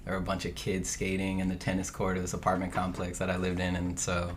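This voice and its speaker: Laid-back SoCal skater guest, deep monotone, rambling casual talk. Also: male voice, quick pace, a little hiss or hum. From Southern California. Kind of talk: casual chat.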